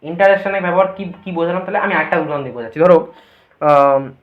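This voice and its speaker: A woman's voice: on the low side, fast. Woman teacher in an echoey room. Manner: asks rhetorical questions and answers them herself. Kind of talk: explaining an English grammar lesson. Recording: echoey, dull lo-fi room recording.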